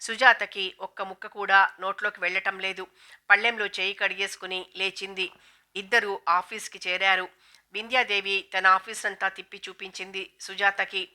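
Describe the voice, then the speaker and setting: Very bright-voiced woman reading a novel aloud. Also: mid-range voice, moderate pace. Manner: steady, even storytelling. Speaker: narrator.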